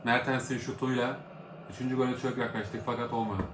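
A man's voice: medium pitch, fairly even intonation, fairly quick, a bit bright. A man giving casual match reactions as a fan vlogger, repeating and rephrasing his points as he goes. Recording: echoey room with faint background noise.

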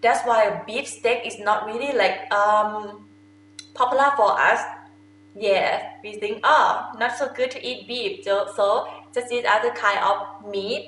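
Recorded in an echoey room with a little background noise, a young Thai woman, native speaker and Thai-accented, gives a language lesson to camera in plain, informal terms. She speaks at a moderate pace in a slightly bright voice that sits on the high side.

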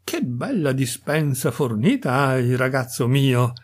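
A man doing a booming old country priest. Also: expressive, slightly rough. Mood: jovial. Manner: loud, jovial and booming, speaking slowly and deliberately. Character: hearty boisterous old male country priest, the narrator's uncle.

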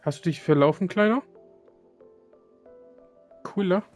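A man's voice: high-pitched, a little slow, a little mellow, faint music behind. A man reading aloud the lines of a woman who looks after young saurians. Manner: reads game lines aloud, with slips.

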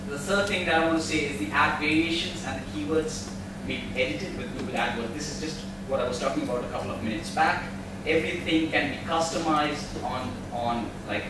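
A man with a slightly high, brisk voice gives an explanatory presentation from a podium in a large meeting room, pausing to put questions to the audience as a presenter at a tech meetup. It was captured by a distant camera mic, so the sound is echoey and noisy.

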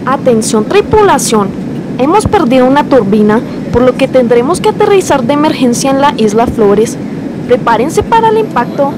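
A woman's voice: high voice, sing-song, normal speed, background noise. A woman playing an airline captain who gives formal airport-style announcements to passengers. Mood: urgent, official. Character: airline captain giving calm flight announcements.

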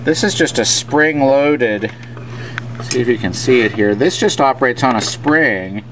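Speaking a little slowly in a mid-range voice, a man presents his radio repair work at an indoor workbench. He explains what he's doing in an unscripted, matter-of-fact, casual way. A steady hum and room noise run underneath.

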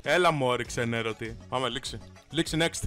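A young man giving casual, excitable gameplay commentary, swearing and breaking into sudden shouts, his voice strained from shouting. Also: mid-range voice, soft background music. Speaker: gamer streamer.

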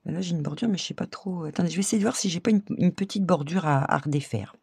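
A woman's voice: on the low side, quick pace, gravelly, darkish tone, husky, dry recording. A middle-aged woman hosting a casual craft tutorial, chatting with viewers as she works. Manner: chatty, laughs often, addresses viewers directly.

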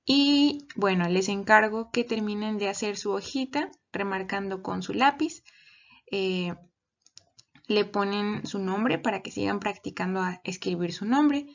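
Slow, patient woman teacher, lo-fi mic. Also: medium pitch, creaky. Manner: slow, patient, step-by-step instructions. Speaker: kindergarten teacher. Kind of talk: bilingual recorded lesson for young children. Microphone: computer microphone.

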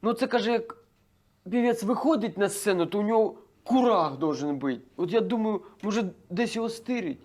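An actor playing a naive, dim-witted village pop star who sounds bewildered, stammers and mixes Russian words into Ukrainian, in a comedy sketch. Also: male voice, high-pitched, brisk, a little mellow.

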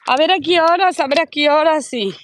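A woman chatting casually into her phone while she walks outdoors, and she coos in a high voice at the dogs she passes. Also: fairly quick, a little hiss or hum. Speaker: vlogger. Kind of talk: casual walking vlog. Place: outdoors on a neighborhood street. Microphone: phone held while walking.

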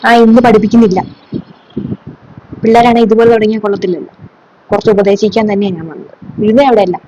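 A woman's voice: mid-range voice, steady tone, quick pace, mellow, highs cut off, slight background noise, lightly acted. A woman playing a strict schoolteacher who lectures and scolds her class sarcastically. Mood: stern. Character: strict scolding female schoolteacher, middle-aged. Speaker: comedy sketch creator. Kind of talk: solo comedy sketch.

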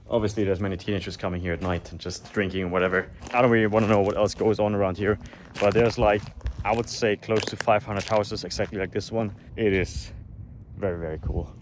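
A young man vlogging casually about cars, relaxed and chatty, excited while driving. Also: deep voice. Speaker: car vlogger. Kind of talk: casual vlog commentary. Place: outdoors in a desert ghost town, then inside a car. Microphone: action camera, handheld and dash-mounted. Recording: loud engine and wind noise.

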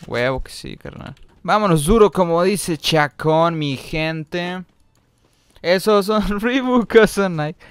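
Excitable young Mexican streamer, loud yells. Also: male voice, sits high, slow, clean tone, no echo. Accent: Mexican Spanish. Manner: slangy, bursts into loud excited yelling. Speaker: gaming streamer. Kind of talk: casual gameplay commentary.

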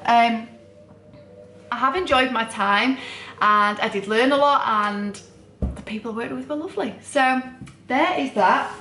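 A woman's voice: a little high, a little slow, long pauses, pushed and bright, a little hiss or hum. Young woman, student nurse, tired, rambling chatty vlog delivery, filmed at home on a camera set down nearby; roomy echo. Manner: rambling, chatty, self-deprecating, lots of fillers. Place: home, indoors.

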